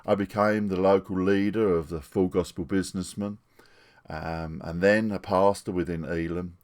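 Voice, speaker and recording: This is a man in his sixties, a retired English pastor, sharing his life story on camera with plainspoken sincerity. His low voice holds a steady, darkish tone at normal speed, recorded on a desktop mic.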